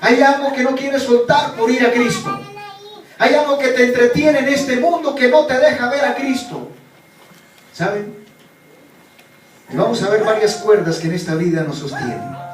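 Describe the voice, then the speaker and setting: A male preacher telling a dramatic story in a sermon, moving from hushed tones to loud ones. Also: very high voice, normal speed, long pauses. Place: church. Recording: echoey church from a distant mic, faint background noise.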